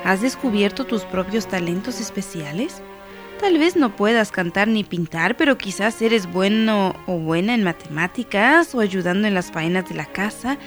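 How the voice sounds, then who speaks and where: A woman narrating a children's devotional story with an expressive, emphatic reading. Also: mid-range voice, moderate pace, faint music behind.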